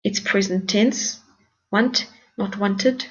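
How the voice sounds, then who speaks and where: A woman's voice: medium pitch, fairly even intonation, takes it slowly, fairly bright tone. A woman teacher giving a recorded grammar lesson, explaining patiently step by step and encouraging her students. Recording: dull lo-fi recording.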